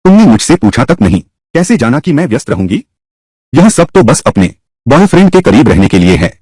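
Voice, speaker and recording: A man's voice: mid-range voice, big pitch swings, fairly quick, a little mellow, breathy edge, dry recording, voice pushed up. A man voicing a confident young woman company boss in a Hindi drama dub, teasing and sure of herself.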